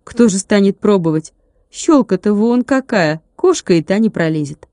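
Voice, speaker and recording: Brief: practical grown-up woman, matter-of-fact, mellow tone, read by a woman narrator. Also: mid-range voice, expressive, normal speed, no echo, clean studio sound, lightly acted.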